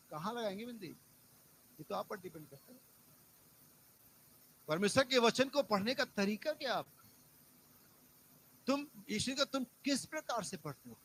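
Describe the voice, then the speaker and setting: A male pastor preaching a sermon with emphatic repetition and rhetorical questions, swinging between loud exhortation and low, quiet asides. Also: slight background noise, poor audio.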